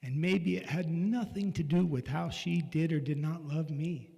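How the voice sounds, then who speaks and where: A man's voice: on the high side, moderate pace, creaky, dark tone, husky. A middle-aged man telling a candid, confessional personal story in a casual way, with the odd swear word. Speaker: speaker sharing a personal story. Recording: long hall reverb.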